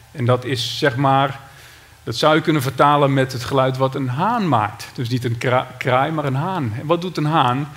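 A man with a Dutch accent preaching a sermon, reading scripture and retelling it with dramatic cries. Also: mid-range voice. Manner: dramatic, shouts out the beggar's cry.

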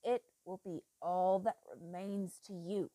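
A woman voicing a treacherous old male doctor who talks in low, slow, intense murmurs that flare into sudden loud bursts. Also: steady tone, no echo. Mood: menacing, obsessive.

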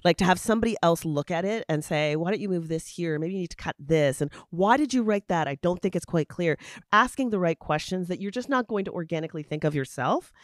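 Earnest male co-host, clear resonant voice, dry close mic. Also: high-pitched, lively intonation, fast talker, no echo. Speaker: podcast host. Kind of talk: casual interview chat.

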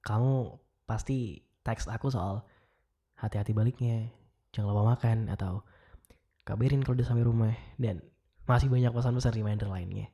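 A young man with an Indonesian accent playing a caring, wistful ex-boyfriend in a gentle, casual, intimate voicemail monologue, mixing in English. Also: lowish voice, fairly even intonation, normal speed, long pauses, husky, muffled recording. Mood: wistful, tender. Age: young adult.

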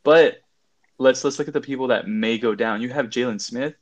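A man's voice: mid-range voice, moderate pace. A man co-hosting a casual basketball podcast, playful and methodical as he runs through player lists. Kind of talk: casual fantasy basketball chat.

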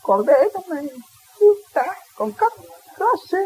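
A man's voice: very high-pitched, sing-song, moderate pace, gravelly, mellow, low-quality recording. A man with a Southern Vietnamese accent giving a dharma talk as a spiritual teacher. He answers a question, chuckles often and keeps asking his listeners rhetorical questions.

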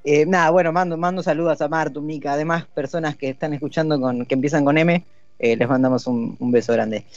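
Speaking fairly quickly in a steady tone, this fairly high-pitched podcast host with an Argentine Spanish accent keeps the conversation casual, cracking jokes and filling gaps with lots of "um"-type sounds. There's no room sound; the lo-fi recording is dull and dry, with faint background music.

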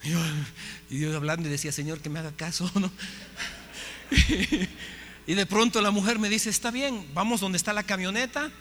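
High bright-voiced man preaching. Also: normal speed. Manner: animated storytelling, acting out dialogue. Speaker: pastor. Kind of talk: sermon testimony. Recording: hall reverb, faint hum.

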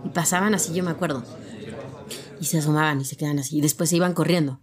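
A woman's voice: sits low, steady tone, fast talker, crowd noise. A woman from Mexico gives a personal testimony in an emphatic way, repeating her points. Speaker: interviewee.

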